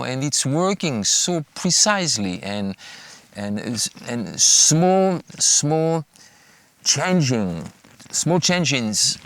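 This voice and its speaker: A French pastor who once taught math answers interview questions in a French accent, thoughtful and halting, restarting often. His voice is male and fairly low, with no echo.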